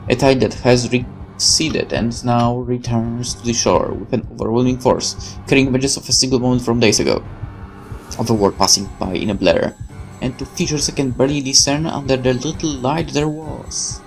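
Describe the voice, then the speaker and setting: With soft background music, a man in a mid-range voice with vocal fry and fairly even intonation reads horror fiction at normal speed. As a gaming host voicing a visual novel, he is theatrical and intense in this dramatic scripted narration, sometimes tripping over words.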